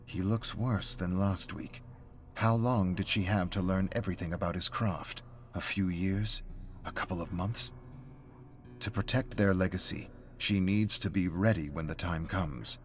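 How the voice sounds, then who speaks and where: In the manner of someone reading prose, a deep-voiced man tells a scripted story at a measured pace. Gentle music sits underneath his very low voice.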